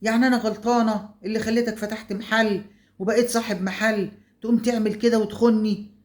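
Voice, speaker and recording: A woman voicing a furious, betrayed middle-aged wife in an Egyptian accent, scolding in a shrill outburst. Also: little pitch movement, racing, natural voice. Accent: Egyptian Arabic.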